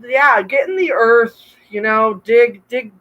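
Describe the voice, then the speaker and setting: A woman co-hosting a casual livestream chat, bubbly and quick to laugh, with a bit of a cough. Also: on the high side, muffled recording. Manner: bubbly, laughs often, chatty with viewers. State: coughing, throat trouble. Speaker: podcast co-host. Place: home room, livestream with wine.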